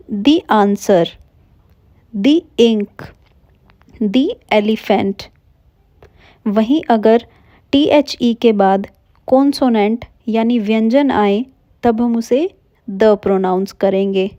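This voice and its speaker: A woman explaining English pronunciation in Hindi, slowly and patiently, with examples. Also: a little high, warm tone, no room sound, muffled recording. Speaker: English teacher.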